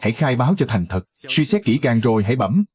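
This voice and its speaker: A man voicing a stern, impatient young county magistrate questioning a witness, with a husky voice. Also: medium pitch, sing-song, fast, a little mellow.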